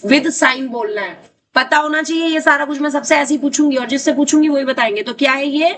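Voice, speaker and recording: A woman math teacher leads a class in a high voice, repeating each question until a student answers. She sits a little back from the microphone, and a faint hiss runs under her words. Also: fairly bright tone. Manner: brisk, repeats questions, calls on students by name. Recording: distant mic with faint noise.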